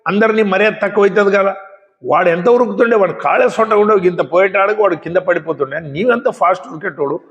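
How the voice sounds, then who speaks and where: A man's voice: high-pitched, fast talker, a bit bright, in a large hall, muffled recording. A man voicing a puzzled, reproachful elephant who questions the lion.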